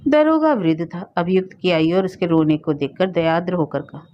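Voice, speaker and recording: A woman's voice: lowish voice, moderate pace, dull audio. Woman reading an emotional story aloud. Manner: expressive, acting out dialogue.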